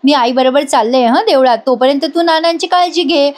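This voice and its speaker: A scheming young daughter who sounds sweet and matter-of-fact, as a woman reads her lines. The voice sits high. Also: a little fast, close to an everyday voice.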